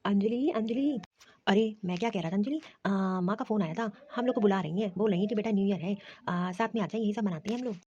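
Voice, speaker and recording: A woman's voice: mid-range voice, fast, few pauses, dark tone, breathy edge, no echo, close to an everyday voice. A woman voicing a young married husband in a Hindi cartoon, coaxing and rambling as he pleads. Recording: dull lo-fi recording.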